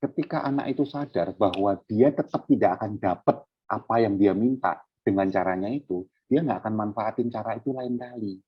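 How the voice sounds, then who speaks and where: Man guest speaker on a video call, husky and conversational, dull muffled sound. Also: lowish voice, fairly quick. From Indonesia. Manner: explains in a relaxed, conversational way, acting out what a parent says to a child. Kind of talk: casual parenting talk over video call.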